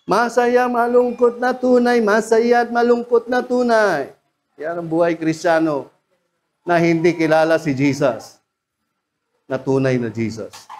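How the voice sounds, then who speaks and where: Man, Filipino accent, pastor, sermon, very high-pitched, soft then shouting, church. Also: unhurried. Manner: swings from soft to loud shouts, laughs at his own points.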